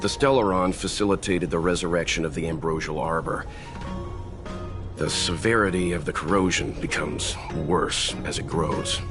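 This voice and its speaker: An actor playing a calm, reserved young male traveler in a video game, speaking in a measured and polite way. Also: low-pitched, lightly acted. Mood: explaining. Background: faint game music.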